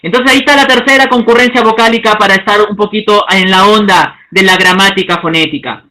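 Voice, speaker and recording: A man teaching a lesson, stretching out example words slowly and checking in with the class. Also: high-pitched, sharp tone, low-quality recording. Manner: slow, drawn-out spelling of example words; checks in with listeners, asking okay.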